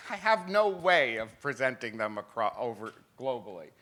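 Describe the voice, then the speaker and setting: A man in his fifties, a film distributor speaking on a festival panel, animated, laughing often and restarting sentences. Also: medium pitch, normal speed, slight background noise. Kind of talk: panel discussion. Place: festival symposium panel stage.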